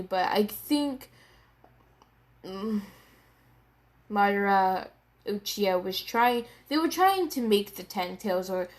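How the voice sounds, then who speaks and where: A young woman reviewing a manga chapter in a casual, rambling way, getting worked up, swearing and repeating herself. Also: medium pitch.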